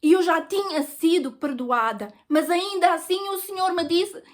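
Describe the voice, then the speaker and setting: High-voiced European Portuguese woman testifying. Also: normal speed. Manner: earnest, emotional storytelling. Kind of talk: personal testimony.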